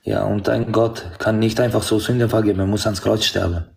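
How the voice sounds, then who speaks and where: A man's voice: on the low side, steady tone, brisk, gravelly. A man in an online voice chat debate, explaining his belief and asking to finish speaking. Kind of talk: heated religious debate.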